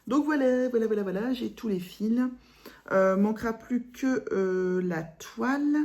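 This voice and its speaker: Chatty, rambling French-speaking woman, mellow voice. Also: fairly high pitch, a little slow. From France. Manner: rambling, many fillers and restarts, drops to whispers. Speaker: cross-stitch vlogger. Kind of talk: casual chatty vlog.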